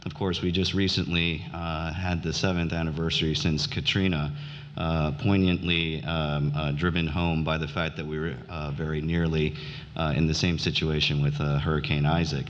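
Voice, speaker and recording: A middle-aged man giving a conference speech, halting with many fillers and restarts. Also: a bass voice, level tone. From United States (grew up in New Orleans). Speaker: conference speaker. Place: conference hall. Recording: dull reverberant hall.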